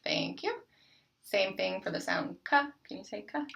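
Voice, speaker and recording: Young woman student clinician, bright gravelly voice, patient step by step instructions, thanks a lot. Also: medium pitch, expressive, unhurried. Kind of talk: clinical practice exam instructions.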